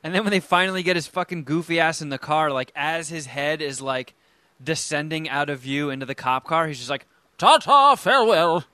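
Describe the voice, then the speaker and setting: A man's voice: a little high, fairly even intonation, a little fast, bright, forceful tone, smooth, dry recording. A man co-hosting a podcast, chatting casually with crude jokes. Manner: joking, crude, does silly voices. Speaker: podcast co-host. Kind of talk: casual chat.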